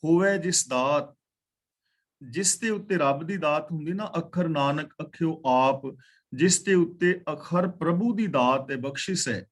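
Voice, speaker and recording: A man teaching a scripture class, reciting verses slowly and then explaining them in plain talk. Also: fairly high pitch. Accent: Punjabi. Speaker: katha teacher.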